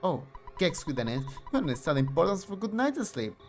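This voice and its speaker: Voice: medium pitch, sing-song, fast, soft background music, voice pushed up. A game streamer reading the lines of a caring mother from a retro game. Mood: motherly. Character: gentle motherly woman, caring mom.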